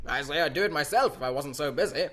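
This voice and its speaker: A pompous, blustering old English gentleman, played by a man, with a bright, highish voice. His old-fashioned exclamations swing widely in pitch, in comic radio drama style. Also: animated, fast talker.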